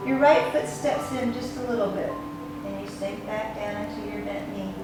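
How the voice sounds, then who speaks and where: A woman leading guided tai chi as an instructor, giving step-by-step movement directions in unhurried, measured phrases. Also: medium pitch. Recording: very echoey room, distant mic, music behind.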